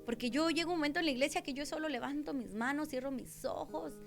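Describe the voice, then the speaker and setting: A Mexican woman pastor preaching a radio sermon with a Mexican Spanish accent, emphatic, dropping to hushed tones and rising to loud cries. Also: sits high, quick pace, gravelly, faint music behind.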